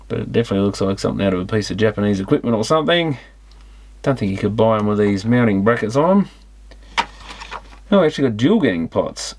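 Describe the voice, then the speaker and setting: An electronics repair hobbyist presents a teardown, musing and thinking aloud in casual, unscripted commentary as he examines things. His voice is medium in pitch with a darkish tone.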